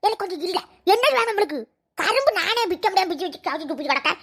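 A woman voicing a sharp-tongued old village mother in a cartoon, speaking in a scolding, sarcastic way. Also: very high voice, expressive, rapid-fire, heavily acted.

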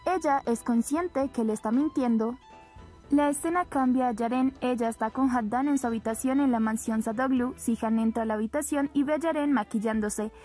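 A woman narrating a scripted recap of a soap opera plot in a steady storytelling manner, reading the characters' lines aloud. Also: fairly high pitch, normal speed, faint music behind.

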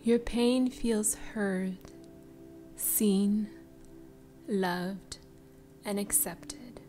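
A woman with a mid-range voice guides a slow meditation, her soft, breathy spa voice trailing into whispers, soothing and unhurried. Music plays behind her.

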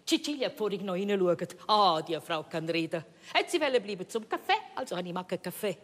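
A woman's voice: medium pitch, sing-song, fast talker, a bit bright. An older actress playing a bossy, nagging Italian housewife on stage, scolding emphatically with an Italian accent and broken grammar mixed with her native tongue. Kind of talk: stage comedy-drama acting. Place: indoor theatre stage. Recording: reverberant theatre stage, faint noise.

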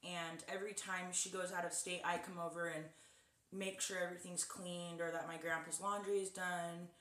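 A woman's voice: on the low side, level tone, normal speed, a bit bright. A young woman chatting to her viewers as she unboxes a package, recorded on a camera set a little away from her in a small, echoey bedroom. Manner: chatty, addresses viewers directly. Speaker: vlogger. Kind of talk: casual unboxing chat. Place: small guest bedroom indoors. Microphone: camera set up a little far away. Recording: echoey room sound.

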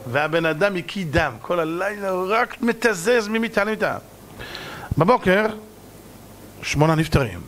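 A man, a rabbi, giving a dramatic sermon to an audience, acting out parables and sometimes shouting. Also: high voice, animated, pauses often, a little hiss or hum. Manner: dramatic, acts out parables in many voices.

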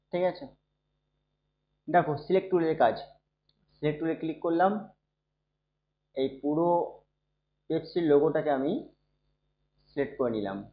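A man who is unwell, teaching a computer lesson slowly and softly, often asking his students if they follow. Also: fairly high pitch. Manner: slow, soft-spoken, checks in often with students. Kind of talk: screen-recorded computer lesson. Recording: dull, echoey room recording.

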